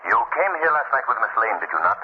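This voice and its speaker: The Shadow, swooping, ominous radio crime-fighter, acted. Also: male voice, medium pitch, very animated, lightly acted. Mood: stern, probing. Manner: deliberate, theatrical, interrogating. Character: commanding, ominous male crime-fighter, grave and insistent. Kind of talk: 1940s radio acting. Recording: tinny, hissy old radio recording.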